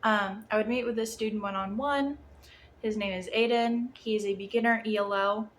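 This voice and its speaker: A woman's voice: medium pitch, fairly even intonation, normal speed. A young adult woman presenting a lesson plan informally and hesitantly, her speech slightly muffled by a sore jaw after dental surgery. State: sore jaw after wisdom tooth removal. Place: apartment room. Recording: clear background room noise.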